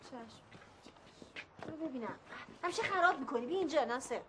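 A woman acting in a comedy scene, fussing over someone and scolding him gently. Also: high voice, lively intonation, background noise. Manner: fussy, caring, scolding. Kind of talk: sitcom acting.

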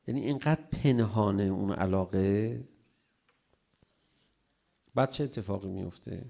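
A middle-aged cleric giving a sermon on marriage, animated, acting out household quarrels in a raised voice. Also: male voice, lowish voice, gravelly.

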